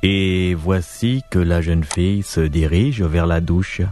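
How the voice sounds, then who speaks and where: A man narrating a radio drama in a measured storytelling manner, with faint music behind. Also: deep voice, dark tone.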